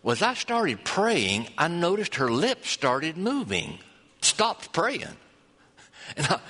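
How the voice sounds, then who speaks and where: A man who is a pastor, preaching a sermon and telling a story, with hushed low passages and rising high peaks. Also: breathy edge, long reverb tail.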